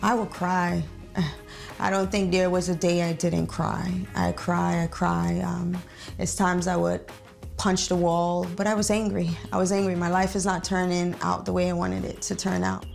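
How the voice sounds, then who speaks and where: A woman telling her life story in an interview, speaking haltingly with many fillers and pauses. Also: fairly low pitch, level tone, gravelly. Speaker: interviewee sharing her testimony. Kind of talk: reflective testimony interview. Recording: soft music underneath.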